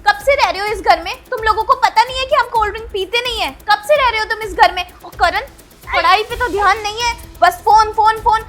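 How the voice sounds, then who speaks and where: A woman acting a sharp-tongued young sister-in-law in a family skit, nagging and repeating herself as she scolds. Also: very high-pitched, a little fast, slight background noise. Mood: scolding. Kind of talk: amateur Hindi web-skit acting.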